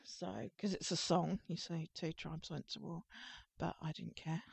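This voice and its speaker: A woman's voice: sits low, a little slow, creaky, breathy edge, dry recording. Playful rambling Englishwoman hosting. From England, Ipswich. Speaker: podcast host. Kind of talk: casual chat.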